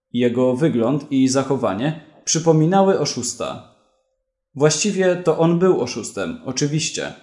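A man reading a vocabulary list and a story aloud for language learners, in a plain, deliberate way. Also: medium pitch, a little mellow. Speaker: narrator and vocabulary reader. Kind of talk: slow language-lesson reading. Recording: roomy echo.

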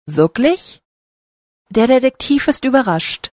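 A woman narrating a short story slowly and carefully, for language learners. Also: medium pitch, a little mellow, dry recording, studio quality.

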